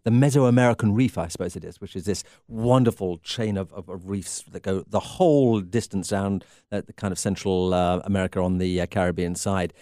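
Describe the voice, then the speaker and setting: A man's voice: low-pitched, fairly quick, few pauses, mellow, no echo, clean studio sound. A man hosting a radio travel show, chatting live and informally.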